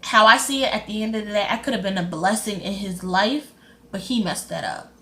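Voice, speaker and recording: A young woman, casually retelling a frustrating story in an animated vlog. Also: medium pitch, fairly quick. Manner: animated, frustrated retelling with lively quoted voices. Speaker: vlogger.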